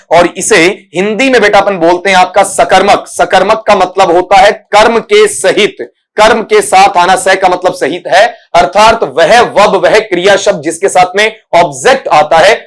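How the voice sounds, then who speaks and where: A man teaching English for competitive exams, explaining patiently and repeating himself, fondly calling his students "beta" and slowly sounding out each speech sound. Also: high-pitched. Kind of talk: explaining a lesson to exam students.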